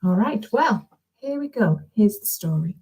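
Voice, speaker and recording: In a rough recording, a woman with a warm, husky mid-range voice speaks unhurriedly with lively intonation. A children's author, she chats informally from home over live video with young schoolchildren, offering encouragement and often stopping to ask them little questions.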